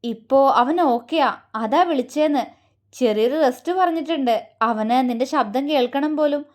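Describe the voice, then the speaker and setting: Female narrator doing a calm young man, soft and reassuring, in a higher voice. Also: normal speed, close to an everyday voice. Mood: soothing. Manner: soothing, reassuring. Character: gentle young man comforting his sister.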